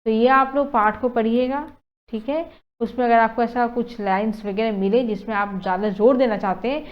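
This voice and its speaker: A woman's voice: fairly high pitch, steady tone, normal speed. A woman teacher, explaining a lesson in a chatty way, often checking "okay" with students and mixing in English words. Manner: chatty, mixes in English words, frequent "theek hai" checks. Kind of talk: casual classroom explanation. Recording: dull lo-fi sound.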